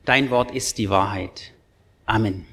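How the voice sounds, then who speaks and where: A man's voice: on the low side, unhurried, fairly bright tone, husky. A male pastor preaching a sermon to confirmands, earnest and emphatic, speaking directly to his listeners. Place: church. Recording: long church reverb.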